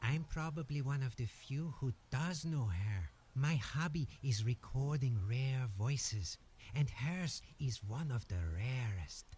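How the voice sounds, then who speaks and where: A man voicing a slow, fussy voice collector. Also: medium pitch, a little mellow, slight background noise, lightly acted. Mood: measured. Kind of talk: game voice acting.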